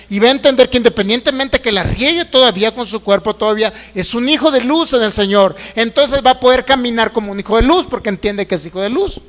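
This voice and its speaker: A man's voice: high voice, fairly bright tone, in a large hall. A man preaching a sermon to an online audience, emphatic and mocking, with frequent exclamations.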